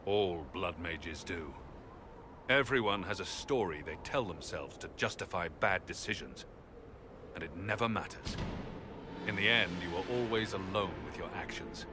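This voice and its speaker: Brooding, low-voiced male warrior acted by a man. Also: moderate pace, close to an everyday voice. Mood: bitter. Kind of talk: video game voice acting. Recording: clear background ambient noise.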